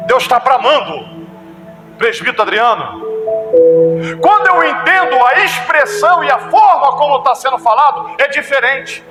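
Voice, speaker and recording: A Brazilian pastor preaches with a high, animated voice that swings widely in pitch, constantly quizzing the congregation. The sound is roomy, with a long church-hall reverb and music playing underneath. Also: male voice, moderate pace. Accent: Brazilian Portuguese. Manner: animated, asks congregation frequent rhetorical questions. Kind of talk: sermon.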